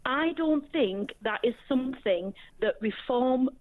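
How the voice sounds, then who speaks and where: A woman's voice: high voice, lively intonation, slow pace, no echo. Teesside woman ringing into a radio show, chatty, dry thin phone audio. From northeast England. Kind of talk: casual opinion on a phone-in. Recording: tinny, dry phone line.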